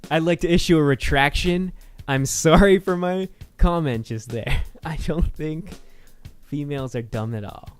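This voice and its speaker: A man's voice: on the high side, a little slow, clear, resonant tone, faint music behind. A man co-hosting a casual podcast, trading sarcastic mock apologies and laughing easily. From Canada. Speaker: podcast co-host.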